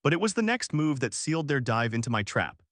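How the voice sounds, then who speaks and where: A man narrating a first-person story in an even, measured way. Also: mid-range voice, no echo, clean studio sound.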